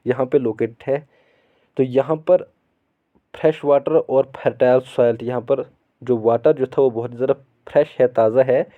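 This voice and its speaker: A man teaching a school history lesson, reading English textbook lines slowly and then explaining them at length, with many repetitions. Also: medium pitch. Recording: phone-like narrow sound.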